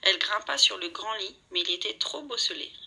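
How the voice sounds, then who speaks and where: A woman narrating a children's storybook in a lively way, voicing the characters' lines as she goes. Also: mid-range voice, fairly quick, gravelly, slightly rough, low-quality recording.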